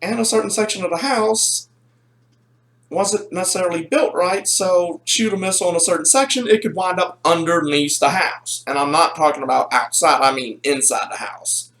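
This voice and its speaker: A man telling a rambling, animated story in a casual toy review. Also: high-pitched, normal speed.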